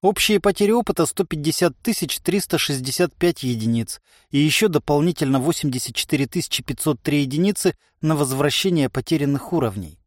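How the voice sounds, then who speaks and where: A man's voice: fairly high pitch, animated, fairly quick, no echo. A man playing a dry, sarcastic militia chief who interrogates a prisoner in an ironic, clipped way. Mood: sarcastic stern. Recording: dry close studio sound.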